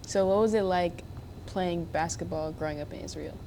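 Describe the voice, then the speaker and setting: A woman's voice: lowish voice, normal speed, mellow, a little hiss or hum. A young woman hosting a podcast and interviewing a teammate in a friendly, chatty way. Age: young adult. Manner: friendly, chatty, asks loose questions.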